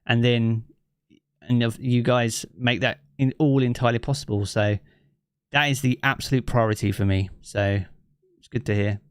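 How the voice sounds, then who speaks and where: Through a streaming mic with effects, a man with a southeast English local accent streams games from his living room, casually chatting, reading chat aloud, and thinking aloud with plenty of fillers. He has a medium-pitched, steady, clear and resonant voice at normal speed, with clean studio sound and no room sound.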